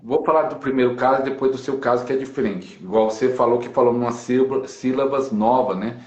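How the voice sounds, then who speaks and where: A man with a Brazilian accent, a pastor, talking emphatically on a live video call and slowing down to quote scripture. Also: mid-range voice, echoey room, dull audio. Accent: Brazilian Portuguese.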